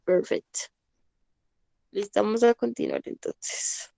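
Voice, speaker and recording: Slow, patient woman teacher on a call. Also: mid-range voice, wildly swooping pitch, vocal fry, warm tone, dry recording. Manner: patient, checks understanding with frequent "¿listo?". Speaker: English teacher. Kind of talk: online class explanation.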